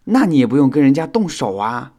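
A man voicing a sensible, caring young male insect in a children's audio storybook, chiding in a kind, steady way. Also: mid-range voice, a little fast.

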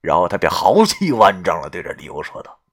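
A man narrating a story in an animated, wry way, with crude asides. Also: low voice, brisk.

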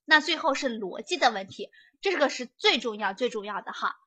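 High bright-voiced lady teaching a prep class, chatty, keeps asking "got it?". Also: expressive, a little fast, breathy edge. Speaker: interview prep lecturer. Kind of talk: lively classroom lecture.

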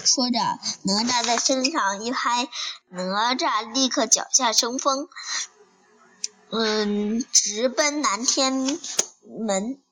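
A woman reading a children's story aloud in a halting way, with fillers and restarts. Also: a little high, a bit bright, slight background noise, rough recording.

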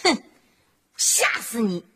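A woman's voice: slow, lightly acted. A woman playing a brash, feisty wife in a family sitcom who talks boldly and sharply. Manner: bold, sharp-tongued, animated. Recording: noisy TV sitcom soundtrack.

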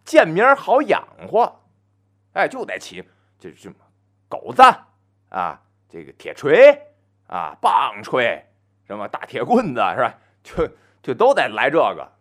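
A man telling a traditional folk story on his own, chatty and full of asides, slowing down to chant opening verse. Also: mid-range voice, huge pitch swings, fairly bright tone. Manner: chants verse slowly and grandly.

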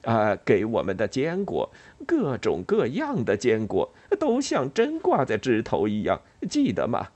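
A man voicing a forgetful old male grey squirrel who rambles quickly and wistfully in a storybook reading. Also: mid-range voice, wildly swooping pitch, a little mellow.

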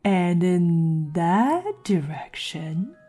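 A woman voicing a sly grinning cat in a storybook reading, drawing her words out slowly with hushed, teasing whispers. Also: on the low side, very animated, slightly rough, faint music behind, exaggerated voice.

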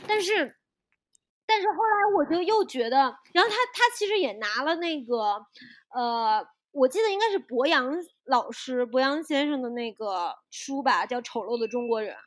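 A woman's voice: sits high, animated, normal speed, dry recording. A woman from China, co-hosting a podcast and talking in a casual, emphatic and impassioned way. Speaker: podcast co-host. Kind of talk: casual conversation.

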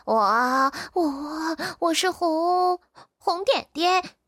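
A woman's voice: high voice, big pitch swings, measured pace, pushed and bright, no echo, studio quality, heavily acted. A woman voicing a timid, fretful young male chameleon who stammers and sighs in a storybook reading. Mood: stammering. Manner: stammering, sighing. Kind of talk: storybook character voice.

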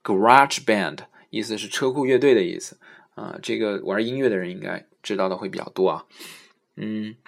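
Relaxed man hosting an English lesson. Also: on the low side, gravelly. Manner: relaxed, many fillers, slows down to say English words. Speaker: podcast host teaching English words. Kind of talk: casual spoken lesson.

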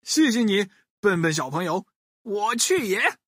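A woman doing a dramatic, proud Monkey King, animated. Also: medium pitch, unhurried, breathy edge, dry recording, clean studio sound. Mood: delighted. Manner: exclaiming, dramatic. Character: Monkey King, proud male hero, boastful and easily wounded.

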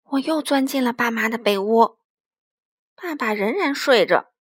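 A woman reading a children's picture book aloud in a gentle, expressive way. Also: on the high side, measured pace, slightly rough, dry recording, clean studio sound. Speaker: storyteller.

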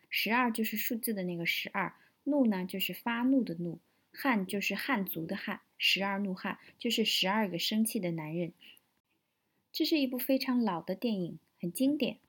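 A woman teaching English vocabulary from a news story, explaining words step by step, spelling them out slowly and repeating them. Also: mid-range voice, slightly rough, poor audio.

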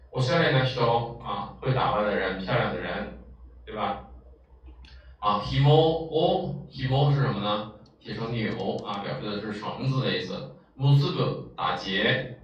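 A man's voice: fairly low pitch, a little hiss or hum. A man teaching a vocabulary lesson, explaining patiently with many filler sounds. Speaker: Japanese language teacher. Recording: echoey, distant, dull lo-fi room.

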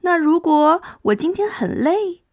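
A woman's voice: very high voice, very animated, background noise. A young woman teaching English to small children, coaxing them along and stretching out each sound to demonstrate it. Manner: coaxing, drawn-out demonstrative phonics. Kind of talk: children's language lesson.

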